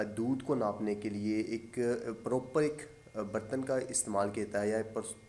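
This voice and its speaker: A young man teaching a lesson, explaining patiently with many pauses and fillers and repeating points, slipping English terms into his speech. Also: medium pitch, darkish tone. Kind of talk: lecture explaining poetic meter.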